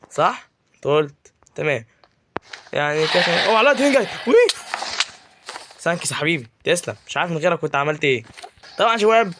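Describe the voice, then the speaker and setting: A man's voice: fairly high pitch, fairly bright tone, slight background noise. A young man with an Egyptian Arabic accent giving joking, chatty commentary while he plays a video game. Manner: joking, chatty, talks to game mobs as if interviewing them. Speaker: gaming YouTuber. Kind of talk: casual gameplay commentary.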